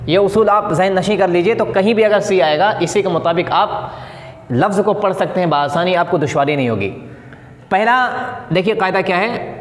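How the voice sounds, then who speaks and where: गूंजते कमरे में ऊँची आवाज़ वाला पुरुष शिक्षक. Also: male voice, sits high. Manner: slow, repeats example words several times. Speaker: English teacher. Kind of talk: classroom lesson at a board. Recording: echoey room with long reverb.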